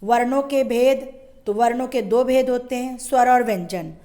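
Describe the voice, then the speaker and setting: A woman schoolteacher, fairly high-pitched and mellow, moves at a moderate pace through a Hindi grammar lesson. She asks questions, then answers them herself, drawing out sounds as examples.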